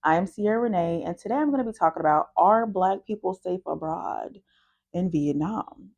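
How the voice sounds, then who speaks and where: Woman vlogger from the US, low voice, mellow tone, chatty storytelling. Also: moderate pace, creaky, dull audio. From United States. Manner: chatty, lively storytelling with acted-out quotes. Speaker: travel vlogger. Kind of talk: casual chat to camera.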